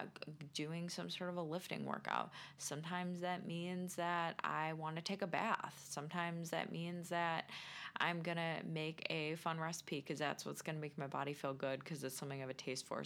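Her voice is deep with a fairly bright tone as she chats on a health and nutrition podcast. Looking back thoughtfully, this woman shares personal experiences in a relaxed, conversational way.

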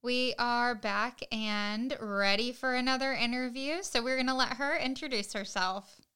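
A woman hosts a casual podcast interview and asks her questions in a loose, conversational way. Her voice is bright and sharp-edged, smooth and clean in tone. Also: on the high side, a little slow. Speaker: podcast host.

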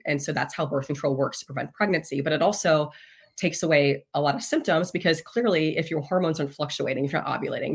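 With a deep voice, a woman in her thirties guests on a podcast and recounts a personal story in a frank, easygoing way, swearing without restraint and laughing often.

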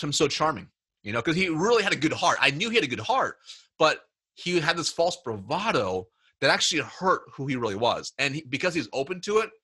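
A man's voice: on the high side, bright, forceful tone, slightly rough. A man telling a workplace story as an interview guest, acting out both sides of the dialogue. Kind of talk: casual storytelling chat.

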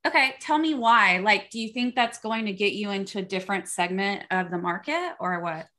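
A woman's voice: mid-range voice, lively intonation, normal speed, sharp tone. A woman hosting a podcast interview, asking friendly, direct questions in a casual tone. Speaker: podcast host.

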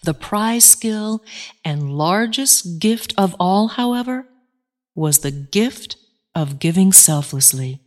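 A woman narrating a children's story in an animated, expressive way. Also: medium pitch, slow pace.

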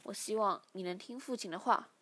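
A woman's voice: mid-range voice, a little fast, a bit bright, lightly acted. A woman voicing a stern, weary middle-aged father who lectures his grown son, in a read-aloud novel. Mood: lecturing.

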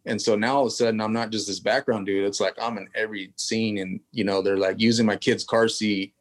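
A man's voice: on the low side, flat delivery, fairly quick. A man from California, a tattoo artist guest telling a long story in casual, rambling fashion full of street slang and asides.

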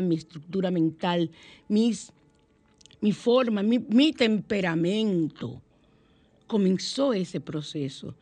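A middle-aged woman hosting a motivational radio talk, telling stories warmly and acting out the voices she quotes. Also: medium pitch, dry recording. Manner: warm, animated storytelling with acted-out quotes. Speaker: radio show host.

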